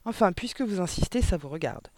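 A man's voice: high voice, animated, brisk, darkish tone, dry recording, studio quality. A man reading a storybook aloud, voicing a blunt middle-aged farmer who speaks incredulously.

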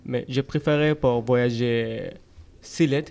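A teenage boy from Bangladesh, answering interview questions in a learner's halting way with many fillers and restarts. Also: medium pitch, fairly even intonation, gravelly, darkish tone. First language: Bengali. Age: teens. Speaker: interview guest. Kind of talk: school interview.

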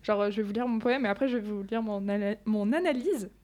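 A woman's voice: medium pitch, quick pace, a little mellow. A teenage girl co-hosting a student show, reading and analysing her own poem with many hesitant fillers. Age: teens. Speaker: student co-host.

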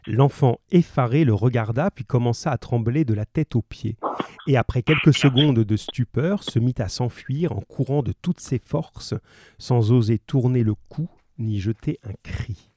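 A man's voice: mid-range voice, a little slow, warm tone, no echo, clean studio sound. A male teacher reading a novel aloud, then leading a remote class in a chatty way, with hesitations and self-corrections.

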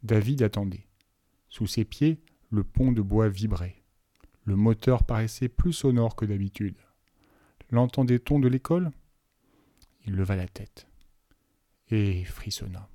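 A man narrating a novel aloud as an audiobook reader, telling the story in an even, measured way. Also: on the low side, no echo, studio quality.

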